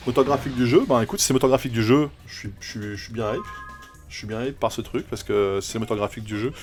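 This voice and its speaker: A man's voice: mid-range voice, fast, soft background music. A man streaming a video game, chatting casually and rambling with many fillers and restarts. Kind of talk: casual live gameplay commentary.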